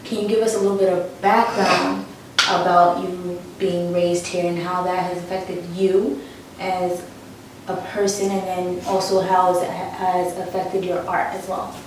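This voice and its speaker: A woman's voice: on the low side, level tone, unhurried, background noise. A woman interviewer asking follow-up questions in a casual, encouraging way, with frequent backchannel sounds. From not Philadelphia. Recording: echoey room, mic at a distance.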